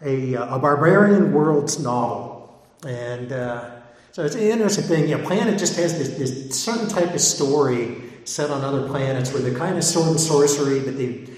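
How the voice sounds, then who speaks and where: A man's voice: mid-range voice, moderate pace, darkish tone. A man giving an informal talk to an audience as a pulp fiction collector and reprint editor, rambling and digressive with many hesitations. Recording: echoey hall with long reverb.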